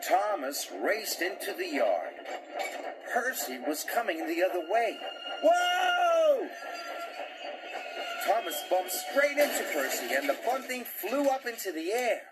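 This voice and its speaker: A man narrating a children's storybook in a slow, lively storyteller's reading. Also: high-pitched, poor audio. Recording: music playing behind.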